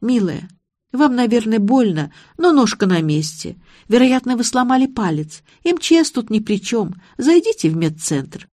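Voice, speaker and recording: A woman voicing a kindly, chatty elderly woman in an audiobook, gently chiding and soothing. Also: a little high, sing-song, normal speed, no room sound, clean studio sound, voice pushed up.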